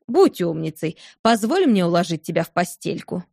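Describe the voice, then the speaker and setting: A woman reading an audiobook, voicing a calm, firm husband with a soothing yet unbending manner, in a lowered voice. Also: normal speed, gravelly, no echo, studio quality, heavily acted. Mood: coaxing, firm. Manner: soothing, firm, gently condescending. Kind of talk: audiobook character voice.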